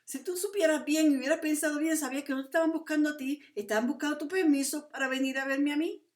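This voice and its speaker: A woman preacher voicing a confident male prophet who gently scolds a king. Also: on the high side, normal speed, distant mic, lightly acted. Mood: assured. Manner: assured, slightly scolding.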